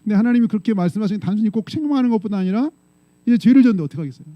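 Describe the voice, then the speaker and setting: A man's voice: sits high, lively intonation, very fast, muffled recording. A male pastor preaching a conversational sermon to his congregation, often putting questions to them and answering himself. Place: church sanctuary.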